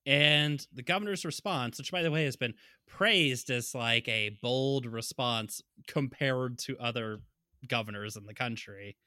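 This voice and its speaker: A man chats on a podcast in a loose, rambling way, chuckling now and then. His voice is mid-pitched and bright. The recording is dry and close. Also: a little slow, no echo. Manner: rambling, chuckling, many fillers. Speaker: podcast co-host. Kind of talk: casual political chat.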